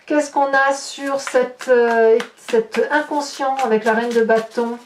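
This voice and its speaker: A woman tarot reader with a fairly high voice talks her way through a spread, musing and hesitant and posing rhetorical questions to the viewer. She sits some way from the mic, and the room around her rings with reverb. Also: steady tone, takes it slowly, noisy background. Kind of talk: tarot reading to camera. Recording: roomy, distant mic.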